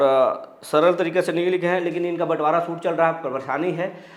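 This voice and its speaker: Male news host, higher voice, explanatory, reads out comments, roomy echo. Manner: explanatory, reassuring, reads comments aloud with pauses.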